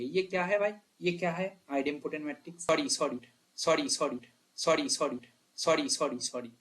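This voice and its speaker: This math teacher's voice is somewhat high for a man as he walks his students through exam problems. He thinks aloud, corrects himself mid-thought, and talks to them directly, often checking in with "bhai" and "clear?"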